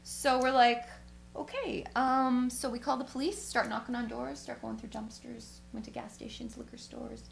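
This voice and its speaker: A woman guest musician telling a story in animated fashion, acting out the quotes with big swings in pitch. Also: moderate pace, vocal fry, hardly any pauses, slight background noise. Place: radio studio. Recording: roomy studio.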